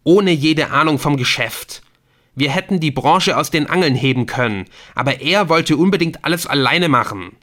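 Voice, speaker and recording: A man's voice: a little high, animated, normal speed, few pauses, bright, forceful tone, voice pushed up. A man voicing a panicky, scheming middle-aged businessman who shrieks when cornered. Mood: defiant.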